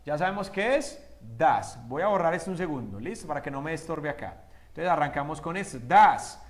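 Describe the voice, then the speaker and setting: A male English teacher runs a lively whiteboard lesson in a fairly high voice. He asks his own questions and answers them himself, and he stretches each English example out slowly and carefully. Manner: slows down sharply for English example phrases.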